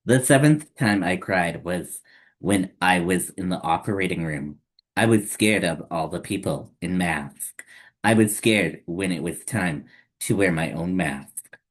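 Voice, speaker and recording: This storytime host is a man sharing a picture book with children. He keeps his voice low and moves through the narration at an unhurried pace, placing each phrase with care.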